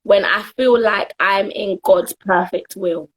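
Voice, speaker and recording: A young Jamaican woman with a medium-pitched voice speaks slowly as a guest in a casual interview, and the audio quality is poor. She answers earnestly but giggles often, trailing off and starting her sentences over.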